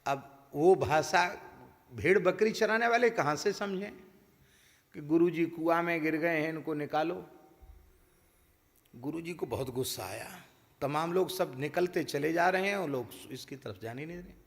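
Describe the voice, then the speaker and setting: A man's voice: a little high, unhurried, gravelly, long reverb tail. A man giving a devotional discourse, telling stories and mimicking village characters in their voices. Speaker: spiritual teacher.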